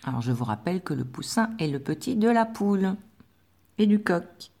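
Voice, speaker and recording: A woman teacher giving a slow, patient dictation lesson to young pupils, spelling out sounds with careful articulation. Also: lowish voice, very animated, creaky, warm tone. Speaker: primary school teacher.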